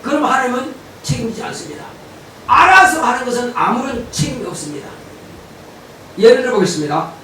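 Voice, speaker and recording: A male pastor giving an animated sermon, at times shouting to drive his points home. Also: very high-pitched, brisk, long pauses. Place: church sanctuary. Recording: echoey church hall, mic at a distance, faint noise.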